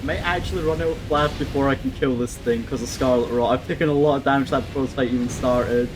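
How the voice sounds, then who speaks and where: A gameplay commentator talks fast in a medium-pitched voice, offering casual let's-play commentary. He thinks out loud and curses at the game with wry humour, over faint background noise.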